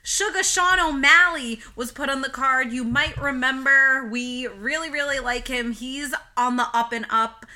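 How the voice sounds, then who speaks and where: A woman with a fairly high, very bright voice chats with her co-host. She talks loosely and swears freely. The recording is made inside a small closet. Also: unhurried, hardly any pauses. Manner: chatty and swearing. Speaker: podcast co-host. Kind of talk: casual chat.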